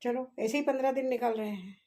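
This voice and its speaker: A woman's voice: fairly high pitch, a little fast, dark tone. A woman vlogging at home in a casual chat, talking straight to her viewers and musing aloud. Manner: chatty, talks straight to viewers, muses aloud.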